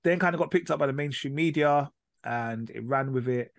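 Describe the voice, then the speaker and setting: A man's voice: mid-range voice, brisk, gravelly, no echo, clean studio sound. A man hosting a podcast discussion, insistent and pressing his point. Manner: insistent, keeps cutting back in.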